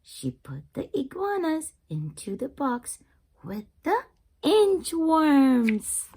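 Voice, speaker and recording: A woman with a high, creaky, darkish voice hosts a children's read-aloud channel, reading a picture book to young kids. She takes a teacherly approach, putting questions to her listeners as she goes.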